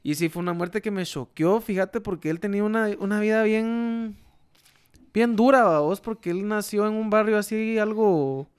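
A man's voice: sits high, normal speed, clean tone. Young Guatemalan man telling stories. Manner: storytelling, tags sentences with "va, vos". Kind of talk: casual chat.

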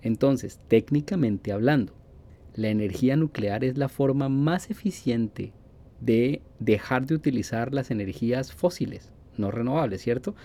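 A man in his forties with a Colombian accent talks through a casual podcast monologue. His voice is dark and gravelly, and he rambles, circling back with fillers and restarts. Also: medium pitch, unhurried. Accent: Colombian Spanish. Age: 40s. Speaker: podcast host.

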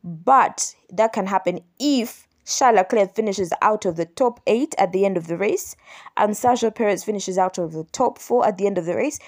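A woman's voice: medium pitch, darkish tone. A woman in her young adult years hosts her own podcast, talking close to the mic in a mid-range voice. She walks listeners through each rule patiently and step by step, circling back to repeat and rephrase herself as she goes. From Uganda. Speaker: podcast host. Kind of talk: explanatory solo podcast.

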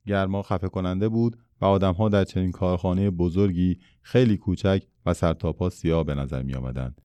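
A man reads a children's storybook aloud in a steady, measured voice. His tone is low, warm and smooth, with a resonant quality. The sound is dry and close to the mic. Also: no room sound. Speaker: narrator. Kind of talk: storybook reading.

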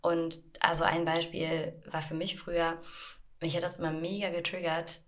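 A woman co-hosting a casual podcast about communication, explaining with animated examples and acting out inner thoughts. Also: fairly low pitch, moderate pace. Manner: animated storytelling, acts out inner voices. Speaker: podcast co-host, coach.

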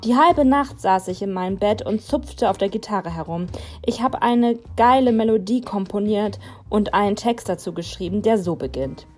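A woman narrating a youth storybook in a lively way, putting on the characters' dialogue as she reads. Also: medium pitch, moderate pace, soft background music. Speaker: audiobook narrator.

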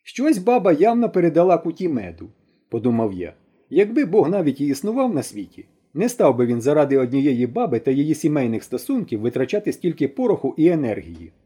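A man reading an audiobook aloud with expressive storytelling. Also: mid-range voice, a little fast, slightly rough. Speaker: audiobook reader. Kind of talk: audiobook narration.

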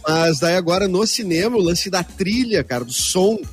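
A playful, animated man co-hosting a radio show, speaking. His voice sits quite high for a man, with faint music playing behind him. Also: moderate pace. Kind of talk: casual radio banter.

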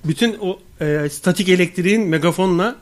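Fast-joking young radio co-host man. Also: high-pitched. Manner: rapid joking, profane, teasing callers. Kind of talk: casual crude comic banter.

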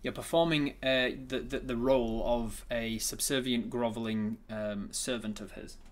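A man narrating a tabletop game as game master, improvising haltingly and repeating words as he thinks aloud. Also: medium pitch, steady tone.

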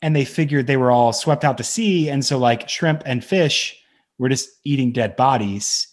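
A man's voice: mid-range voice, moderate pace. A man co-hosting a podcast, telling stories in a rambling, self-correcting way. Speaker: podcast co-host. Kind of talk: casual podcast chat.

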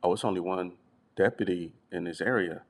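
A man's voice: deep voice, fairly quick, creaky. A middle-aged man co-hosting a casual podcast chat, telling stories and often repeating his words. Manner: storytelling, repeats words, often says "you know what I'm saying". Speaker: podcast co-host.

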